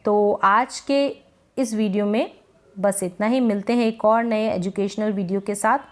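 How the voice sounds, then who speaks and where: A woman's voice: mid-range voice, steady tone. A woman giving a spelling lesson, spelling letter by letter and repeating each answer as a drill. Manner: slow and deliberate. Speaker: teacher.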